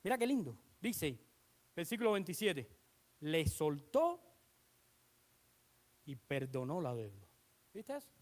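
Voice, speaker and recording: A preacher giving an animated sermon, retelling scripture with dramatic emphasis and asking the congregation rhetorical questions. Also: medium pitch, takes it slowly, pauses often.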